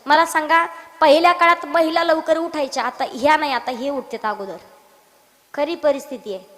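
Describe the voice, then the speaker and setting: A woman's voice: high voice, fairly even intonation, moderate pace, a bit bright. A woman preacher giving a devotional kirtan sermon, teasing and quizzing her audience and breaking into song. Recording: long hall reverb.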